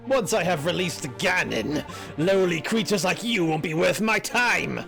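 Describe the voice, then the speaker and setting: A man's voice: high voice, lively intonation, a little slow, gravelly, a bit bright, exaggerated voice. A man voicing a haughty, theatrical male sorcerer villain while playing a video game, with grandiose, sneering delivery. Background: game music.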